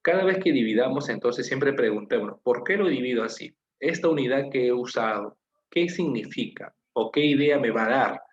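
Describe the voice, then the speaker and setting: A man's voice: mid-range voice, animated, moderate pace, roomy sound, muffled recording. Peruvian man teaching a class online. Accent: Peruvian Spanish. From Peru. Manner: asks students questions, patient and explanatory.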